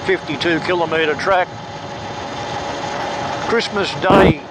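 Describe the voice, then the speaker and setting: A man talking slowly and deliberately through a motorbike helmet microphone while riding outdoors. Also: on the high side, steady tone. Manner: slow, measured, deliberate delivery. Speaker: vlogger. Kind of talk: political commentary monologue while riding. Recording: loud wind and road noise on a helmet mic.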